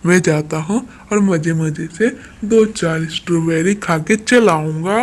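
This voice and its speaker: A woman's voice: sits low, unhurried. A woman voicing a rude, greedy male crow in a cartoon story, talking back with insolence. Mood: cocky. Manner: insolent, then pleading loudly when beaten. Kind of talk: cartoon voice acting.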